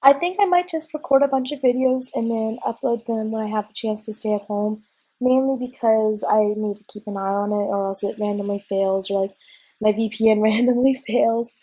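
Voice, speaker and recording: Sniffling as she gets over a cold, a young woman casually narrates her let's play at her home desk, rambling and restarting with lots of ums. She speaks on the high side, briskly, in a warm, breathy tone, over poor audio.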